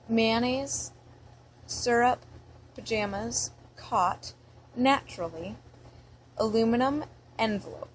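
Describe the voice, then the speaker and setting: A woman's voice: mid-range voice, slight background noise, low-quality recording. A young American woman talking in a casual vlog, rambling and chatty as she reads through a word list. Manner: rambling and chatty, with many fillers. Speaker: vlogger.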